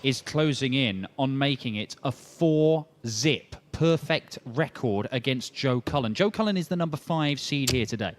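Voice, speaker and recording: A man giving live darts commentary in a measured, analytical way as play unfolds. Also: mid-range voice, lively intonation. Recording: clearly noisy background with clicks.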